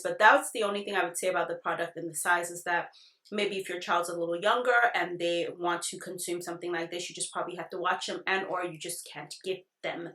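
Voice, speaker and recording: A woman's voice: lowish voice, fairly bright tone. Echoey, chatty woman reviewing a product. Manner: chatty, addresses viewers directly. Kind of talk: casual video product review to viewers. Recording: echoey, roomy sound.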